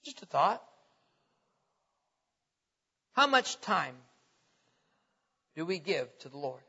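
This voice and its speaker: A man preaching a sermon and reading scripture aloud, stretching his words and swinging from loud emphasis to quiet asides. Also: a little high, very animated, slow pace, husky. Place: church sanctuary. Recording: reverberant hall, dull lo-fi sound.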